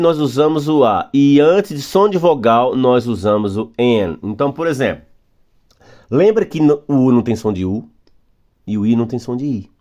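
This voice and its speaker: A Brazilian man teaching an English grammar class to beginners. His voice moves lively up and down as he patiently repeats and spells out words, slowing down so students can follow. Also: mid-range voice. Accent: Brazilian Portuguese. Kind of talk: recorded grammar lesson for beginners.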